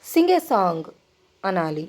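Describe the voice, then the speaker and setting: Slow, lively woman teacher. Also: fairly low pitch. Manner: repeats each phrase slowly, in Telugu then English. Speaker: English teacher. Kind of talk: spoken English lesson.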